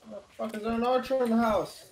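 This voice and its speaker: A man's voice: very high-pitched, fairly even intonation, quick pace, faint music behind, poor audio. A man chatting casually while playing a game with a friend, asking lots of questions and swearing freely. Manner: curious, profane, questioning. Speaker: co-player. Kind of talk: casual gameplay chat.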